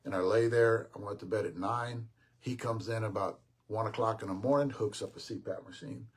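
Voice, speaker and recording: A man's voice: on the low side, a little fast, a little hiss or hum. An older man hosting a casual live stream, telling a long rambling story with restarts and talking to his viewers as guys. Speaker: host.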